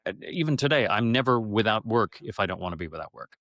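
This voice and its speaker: A middle-aged stage actor, appearing as an interview guest, tells stories in a rambling, effusive, conversational way. His voice is fairly low, expressive and fairly bright, with a quick pace and a dry recording.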